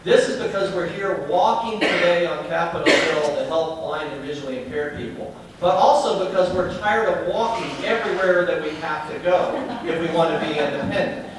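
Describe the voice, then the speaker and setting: An advocacy group speaker with a Southern US accent gives an informal, chatty talk to a meeting, frequently posing questions to the audience. His voice is a little high. The room is echoey, the mic distant, and a crowd adds slight background noise.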